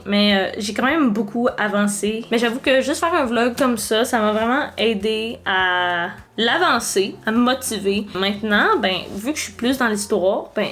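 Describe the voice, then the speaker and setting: A young woman with a Québécois French accent, chatting to camera at home in a rambling, self-conscious way with laughs. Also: on the high side. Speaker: book vlogger. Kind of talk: casual talk to camera.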